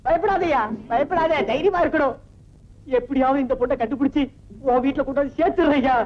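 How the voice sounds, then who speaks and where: A jumpy comic policeman who mocks the people who come to him for help. His voice is shrill and extremely high for a man. The sound is dull and muffled, like an old film print. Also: brisk. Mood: mocking. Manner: mocking and easily startled. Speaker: police officer. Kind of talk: 1980s film comedy acting.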